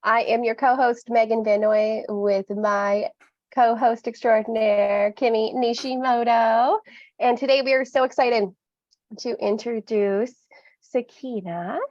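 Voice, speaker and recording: A woman's voice: fairly high pitch, steady tone, a little slow, a little mellow, no echo. A woman co-hosting a podcast, introducing her guest with enthusiasm. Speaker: podcast co-host. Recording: dull, dry lo-fi sound.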